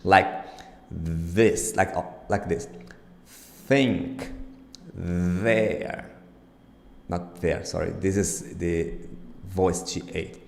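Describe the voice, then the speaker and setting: A man's voice: deep voice, extremely slow, creaky, pauses often. A man, a non-native English speaker, teaching pronunciation informally and reassuringly, with exaggerated, emphatic articulation of sounds. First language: not English. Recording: echoey, reverberant room.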